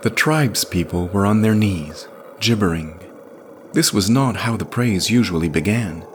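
A man narrating a scripted fantasy story in a measured, expressive reading. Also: on the low side, slight background noise.

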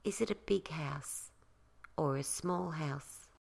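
A woman narrates a guided relaxation exercise from a script. Her voice sits low, with a touch of creak at the edges. She speaks very slowly and calmly, giving each instruction room with pauses. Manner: slow, calming, instructional delivery with pauses.

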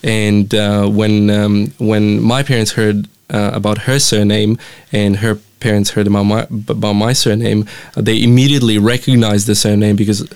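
A young man with a Romanian accent and a low, smooth, clear voice. He chats in a friendly way, stopping and restarting often as he talks. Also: level tone, moderate pace, a little mellow. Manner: friendly, hesitant with many fillers and restarts. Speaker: mission representative, guest. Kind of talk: casual interview chat.

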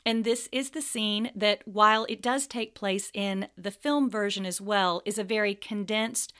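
A woman's voice: mid-range voice, steady tone, measured pace, bright, forceful tone, smooth. A woman who teaches literature, hosting a podcast and introducing a reading with a teacherly manner.

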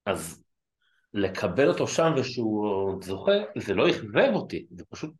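A man co-hosting a wrestling podcast, speaking in a measured, candid way in casual chat. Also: fairly low pitch, very animated.

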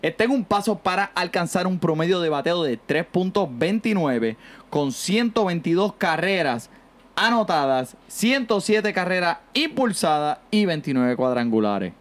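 A man hosting a casual sports podcast from home, energetic and teasing as he rattles off stats. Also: sits high, unhurried. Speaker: podcast host. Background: music bed.

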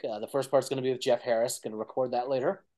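A man hosting a music podcast, talking in a relaxed, conversational way and laughing often. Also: mid-range voice, rapid-fire. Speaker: podcast host. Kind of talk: casual chat.

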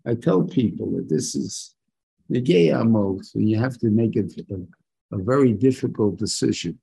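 A man's voice: lowish voice, lively intonation, moderate pace, vocal fry, dark tone, breathy edge, low-quality recording. A man gives an informal religious lecture as a rabbi, using rhetorical questions and short, emphatic repetitions. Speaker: rabbi giving a Torah lesson.

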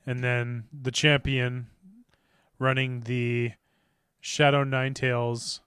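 Guy cohosting a gaming chat, smooth clear voice, dry close sound, upbeat and laughy. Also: mid-range voice, little pitch movement, slow pace, a bit bright, no echo. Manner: upbeat, explains game strategy, laughs often. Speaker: podcast co-host.

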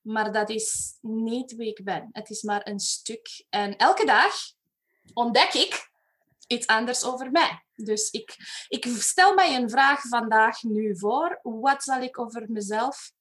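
An animated woman with a Romanian accent speaks in a fairly high voice at an unhurried pace. She laughs often and pauses to search for words, chatting casually as a guest. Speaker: guest facilitator. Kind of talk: casual online chat.

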